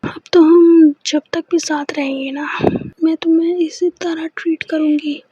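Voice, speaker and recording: A woman voicing a cold, bitter young female singer who talks sarcastically and often sinks into a hushed whisper. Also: extremely high pitch, steady tone, measured pace, a little hiss or hum. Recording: dull lo-fi recording.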